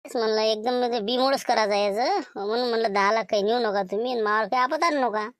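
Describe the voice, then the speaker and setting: A man playing a sly, scheming servant with a bright, sharp voice pitched a little high, speaking in a Varhadi Marathi accent. He wheedles his way along and peppers his lines with small fillers, recorded close and dry. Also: fast, no echo. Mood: plotting. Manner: wheedling, sprinkles talk with "ho" and "ba". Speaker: comedy sketch actor. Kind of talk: village comedy sketch acting.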